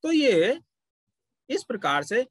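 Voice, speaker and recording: Slow, patient male Pali teacher. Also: very high voice, very animated, fairly bright tone, husky, no room sound. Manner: slow, patient explaining, often pausing to point things out. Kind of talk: online grammar lesson.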